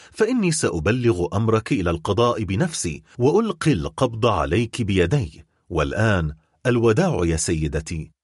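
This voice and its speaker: A man voicing a stern male prosecutor who accuses his wife in grave, measured speech, in an audiobook. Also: on the low side, slightly rough, no room sound, studio quality. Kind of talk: audiobook character voice.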